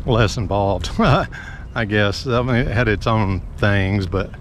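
Walking outdoors past a hotel parking lot and slopes, a middle-aged man who works in lawn care rambles casually and haltingly in a lowish voice. The action camera he holds at arm's length picks up plenty of traffic noise.

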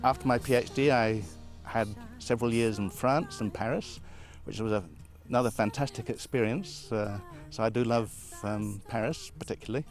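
A man's voice: mid-range voice, moderate pace, hardly any pauses, faint music behind. A man, an astronomy professor answering interview questions in a modest, thoughtful way with small restarts. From Britain. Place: outdoors beside an observatory dome on a hill.

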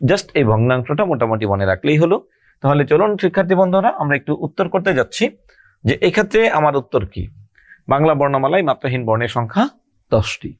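A man leads an exam-prep grammar lesson, his pitch rising and falling in a lively way as he explains each point. He stretches out key terms and speaks straight to his students. The sound is dry and close, with no room around it. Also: dry recording. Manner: explanatory, repeats key terms slowly, addresses students directly.

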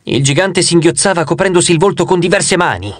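A man narrating an audiobook in the first person, expressive with a wry touch. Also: fairly high pitch, fairly quick, dry recording.

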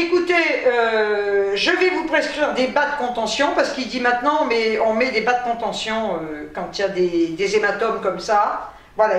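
A woman's voice: sits high, fairly bright tone, far from the mic. Tired chatty woman in an echoey room. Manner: chatty, exasperated, laughing asides. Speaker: vlogger. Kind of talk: casual storytelling to camera.

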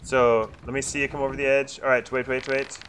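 A man's voice: mid-range voice, level tone, a little fast, a little hiss or hum, low-quality recording. A man captaining a pirate game crew, laughing often and walking teammates through each step. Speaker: ship captain and streamer. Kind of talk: casual gaming chat. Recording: loud game sound effects behind.

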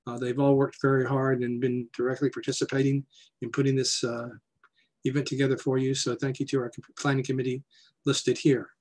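A society president in his sixties opens a virtual symposium over a video call from a room at home, in a medium-pitched, slightly mellow, slightly fast voice with little pitch variation. Loose and joking, with a few filler words, he reads out sponsors and introduces a guest in a casual welcome.

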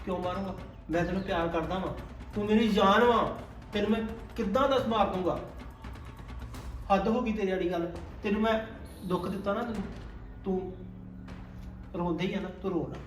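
A man playing a possessive, unstable young husband who swings between soft coaxing and shouting, recorded off-mic in an echoey room with music underneath. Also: high-pitched, racing, natural voice. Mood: pleading. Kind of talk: Punjabi web drama acting.

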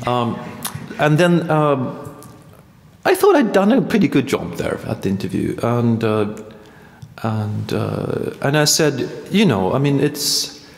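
A Swedish man in his thirties with a Swedish accent delivers a rambling performance monologue as an artist, full of hesitations and restarts. His medium-pitched voice is gravelly, sing-song and slow. He uses a stand mic in a large hall, and the sound is echoey with long reverb.

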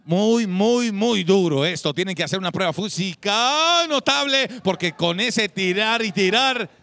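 A man with a Colombian accent commentating a game show in excited race-style play-by-play, with repeated exclamations and drawn-out calls. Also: high-pitched.

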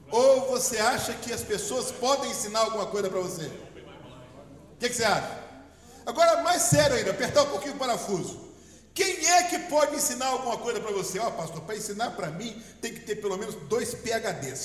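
A middle-aged man from Brazil with a Brazilian Portuguese accent, preaching a lively sermon as pastor and leading the congregation in call-and-response. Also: high-pitched. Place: large church hall. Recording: echoey church hall.

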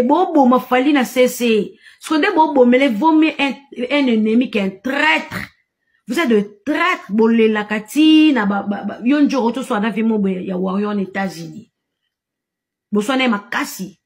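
Ranting woman, higher voice. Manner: accusatory, emphatic, mixes French in. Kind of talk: angry ranting monologue.

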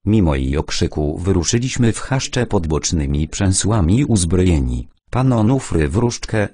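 Male audiobook narrator, first person, calm and measured, low husky voice, dry close recording. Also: no room sound.

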